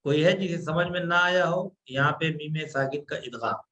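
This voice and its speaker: A man's voice: fairly high pitch, moderate pace, sharp tone. A man teaching an online class on Quran recitation, patiently explaining rules step by step and drawing out sounds to demonstrate.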